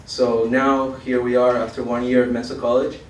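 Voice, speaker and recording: A young man from Argentina, a student giving a conference presentation, halting with many fillers. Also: mid-range voice, flat delivery, slight background noise. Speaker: student researcher. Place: college event hall. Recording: roomy hall, mic far off.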